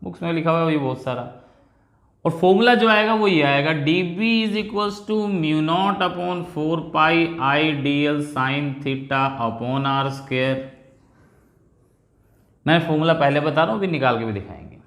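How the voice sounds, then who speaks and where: A man's voice: a little high, takes it slowly, a bit bright. A man teaching physics as a class lecture, explaining step by step and repeating the key terms. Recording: echoey room.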